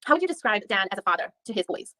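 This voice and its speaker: Voicing a female attorney in a read-aloud legal reenactment, a medium-pitched woman probes a witness methodically with frequent restarts. She speaks in a rapid-fire, sing-song way with a sharp tone, and the recording has no room sound.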